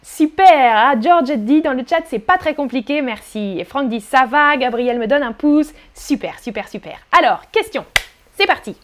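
A woman teaching French pronunciation in a live online lesson, articulating slowly and repeating words for learners, and encouraging them as she reads their chat comments. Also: sits high, lively intonation, a bit bright.

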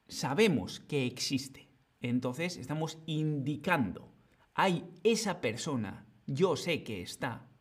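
Man, patient playful teacher, slow pace, slightly high pitch. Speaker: Spanish teacher. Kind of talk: live-streamed grammar lesson.

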